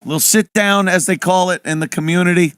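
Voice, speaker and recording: A man's voice: sits high, fairly quick, a bit bright, clear, resonant tone. A man hosting a casual panel show, ranting with lots of swearing and often stumbling over his words. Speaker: show host.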